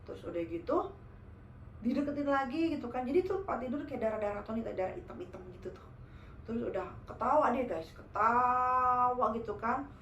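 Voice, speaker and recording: A woman casually telling a true horror story, animated and speaking directly to her listeners. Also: on the high side, quick pace, echoey room, lo-fi sound, a little hiss or hum. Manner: animated, addresses listeners as guys.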